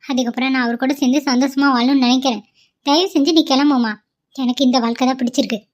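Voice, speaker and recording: A woman's voice: high voice, steady tone, fast talker, natural voice. A woman voicing a stubborn, devoted young wife in a cartoon, pleading and insistent. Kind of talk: cartoon voice acting.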